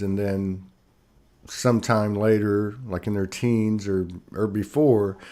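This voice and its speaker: A man's voice: lowish voice, a little mellow. A man hosting an interview, asking rambling questions in a chatty, joking way. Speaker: host.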